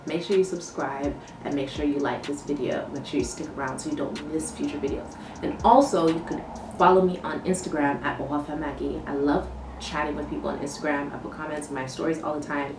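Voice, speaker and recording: A woman's voice: low-pitched, fairly even intonation, normal speed, noisy background. A young woman vlogging in casual chat, loose and chatty, often restarting with "like" and "um". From United States. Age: young adult. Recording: roomy echo, distant mic, background music.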